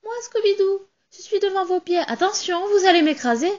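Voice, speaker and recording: A woman reads out a little rubber doll with a squeaky, chirpy voice, quick and eager to please. She is a clever, polite magic toy from a children's tale. A slightly muffled, lo-fi sound hangs over it. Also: animated.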